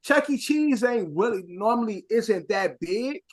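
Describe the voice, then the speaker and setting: A man's voice: high-pitched, expressive, a little slow. A young adult man co-hosting a podcast, chatting casually in a rambling, profane way. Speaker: podcast co-host. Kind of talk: casual chat.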